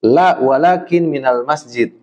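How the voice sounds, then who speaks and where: A man with a medium-pitched voice teaches an Arabic class in Indonesian, drilling questions and explaining words slowly and patiently, often closing phrases with a soft "ya". The recording has the roomy, slightly dull sound of a classroom.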